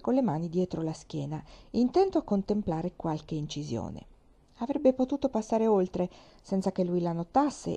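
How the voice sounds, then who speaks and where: A woman reads a classic novel aloud in a measured, even storytelling manner. Her voice is dark and mellow with a gravelly fry. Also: on the low side. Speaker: audiobook reader. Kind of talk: literary audiobook narration.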